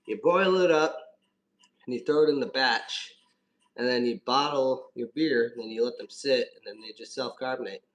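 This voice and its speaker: A man's voice: medium pitch, normal speed, muffled recording. Frat-bro man, distant echoey mic. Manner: laid-back frat-bro slang, mild swearing. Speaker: home-brewing livestream host. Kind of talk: casual livestream chat while demonstrating. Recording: roomy echo, distant mic, faint noise.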